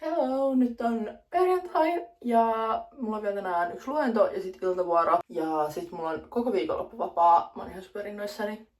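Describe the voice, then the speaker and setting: A woman's voice: medium pitch, lively intonation, a little mellow. A young woman in her twenties, casually vlogging to a phone camera at home, chatty and upbeat with lots of fillers. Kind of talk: casual vlog chat to camera. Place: at home, indoors.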